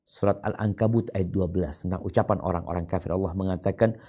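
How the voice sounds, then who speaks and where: A man's voice: low voice, steady tone, quick pace, warm tone, slightly rough. A man preaching a sermon and answering listeners' questions.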